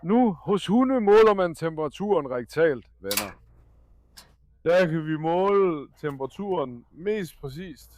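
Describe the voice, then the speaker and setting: A young man caring for a sick puppy on camera, earnest with viewers and coaxing softly with the dog. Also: on the high side, animated, slight background noise. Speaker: animal caretaker and channel host. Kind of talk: casual vlog explaining care of a sick puppy.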